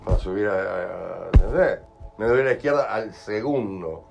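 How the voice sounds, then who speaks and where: A man with a Rioplatense Spanish accent leads a group, explaining in an animated way, acting out quoted voices and often checking that listeners follow. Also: on the low side, moderate pace, vocal fry, music in the background. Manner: animated, acts out quoted voices, keeps asking "¿entendés?". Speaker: group workshop leader.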